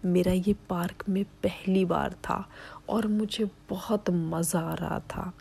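A woman telling a first-person story in a hushed whisper. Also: on the low side, fairly even intonation, takes it slowly, creaky, husky.

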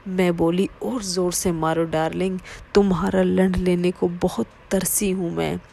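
A woman reading a first-person story aloud in a steady, low-key way. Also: a little slow, vocal fry. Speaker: narrator.

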